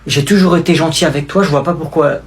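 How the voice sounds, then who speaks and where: A man's voice: a little high, steady tone, fast talker. A young man playing the sly older cousin in a comedy sketch, with a mocking tone.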